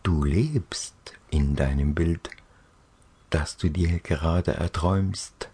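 Very slow, husky low-voiced man, soft and dreamy. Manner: soft, dreamy, soothing delivery with pauses. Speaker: narrator of guided fantasy journeys for children. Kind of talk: slow guided relaxation narration, audiobook.

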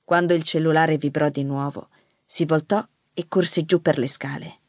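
A woman narrating an audiobook in an expressive, measured storytelling manner. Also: low voice, no room sound. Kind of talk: scripted narration. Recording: dry close studio mic.

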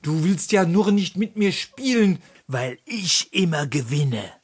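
A woman voicing Serge, a vain, boastful rooster, in a children's audiobook; he drops French phrases and talks in a slow, theatrical way. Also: on the low side, sing-song, darkish tone, husky, heavily acted.

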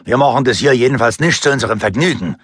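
Male narrator playing a sarcastic, argumentative thug sidekick; husky voice, animated pitch. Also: quick pace, dry recording, studio quality. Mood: sarcastic, combative. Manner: sarcastic, combative. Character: gruff male robber sidekick with a club, anti-capitalist.

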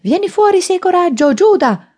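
Woman doing a blustering drunk man, bellowing threats, dark and mellow tone. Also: on the low side, normal speed, lightly acted. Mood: shouting. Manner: loud, shouting, blustering.

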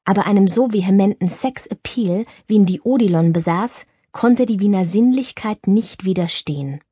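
A woman reads a memoir aloud as audiobook narrator, measured and even in her delivery. Her voice is husky and mid-pitched. The recording is dry and close, with no room sound. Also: dry recording.

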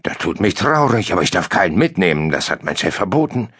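A man's voice: deep voice, big pitch swings, fast, a bit bright, breathy edge, no room sound, studio quality, full character voice. A man doing a shifty folksy islander. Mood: evasive. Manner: folksy, ungrammatical, sly.

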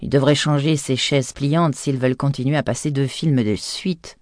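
An audiobook husband in middle age who grumbles in a dry, muttered way, read by a woman narrator. The voice is soft and dark, with no room sound around it. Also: extremely low pitch, fairly even intonation, moderate pace, no echo. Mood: grumbling.

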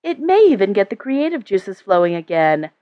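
A woman voicing a cheeky young woman of twenty, high and breathy, teasing and cheerful, in an audiobook. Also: big pitch swings, normal speed, dry recording, muffled recording, natural voice.

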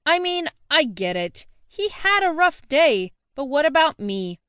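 A woman narrating a first-person novel as an audiobook, sassy and sharp-tongued. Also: sits high, very animated, unhurried, no room sound, clean studio sound.

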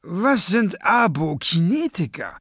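A man puts on a brash henchman with a rock'n'roll swagger. The voice rides a little above his own, blunt and slow, husky and close. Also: high-pitched, sing-song, a bit bright, dry recording, pitched above the performer's own voice, full character voice. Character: brash male thug styled like a rock'n'roll singer. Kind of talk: audiobook character voice.

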